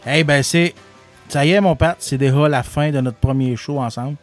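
A man's voice: fairly high pitch, moderate pace, faint music behind. A man with a Québécois French accent hosting a podcast in casual chat, rambling with many restarts and fillers. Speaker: podcast host.

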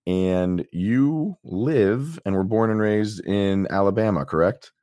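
A man hosting a casual sports podcast, his voice deep and hoarse from a chest cold, speaking haltingly with pauses. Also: warm tone. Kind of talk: casual solo sports commentary and interviewing.

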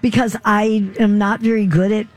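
A woman's voice: medium pitch, level tone, normal speed, a little mellow. A mature woman co-hosting with casual radio banter. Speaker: radio co-host.

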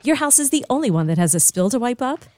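A woman's voice: on the high side, very animated, quick pace, warm tone, no echo. A woman reading a scripted advertisement in a playful, upbeat way and stretching some words for effect. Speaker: ad narrator.

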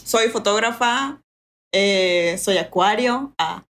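A woman's voice: medium pitch, slow pace, fairly bright tone. Chatty Yucatecan woman podcast guest. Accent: Yucatecan Mexican Spanish. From Yucatán, Mexico. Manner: chatty, thoughtful, hesitant with fillers. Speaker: guest, birth photographer. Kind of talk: casual interview chat.

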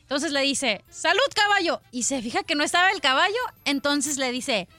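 Animated woman telling a radio joke. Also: sits high, brisk, no echo, faint music behind. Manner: animated storyteller, acts out shouted lines. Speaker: radio co-host.

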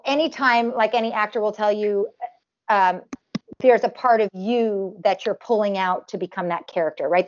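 On dull-sounding audio, a female tribute performer guest speaks in a mid-range, nasal voice. Her casual interview talk comes in long stretches, full of fillers and false starts.

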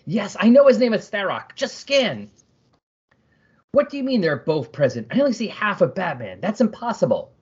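A man reading out a teenage boy superhero's comic lines in a raised, excited voice. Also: high voice, moderate pace, slightly rough, lo-fi sound, voice pushed up, exaggerated voice. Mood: urgent.

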